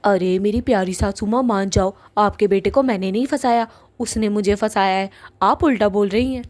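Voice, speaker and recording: A woman's voice: medium pitch, normal speed, darkish tone, no echo, natural voice. A woman voicing a pleading young witch bride in a cartoon story, in a whiny tone.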